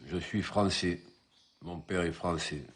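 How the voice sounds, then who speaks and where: A man's voice: deep voice, steady tone, takes it slowly, husky. A man in his sixties, born in North Africa, speaking indignantly and a little hesitantly in a street interview. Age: 60s.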